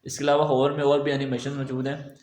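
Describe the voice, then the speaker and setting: A man giving a relaxed, thinking-aloud screen-recorded software tutorial, full of okays and fillers. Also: medium pitch, fast, reverberant. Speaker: web design tutor.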